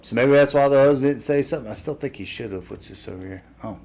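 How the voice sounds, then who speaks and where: A man giving casual gameplay commentary, thinking out loud and speculating as he plays. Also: medium pitch, fast, creaky. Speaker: video game let's player.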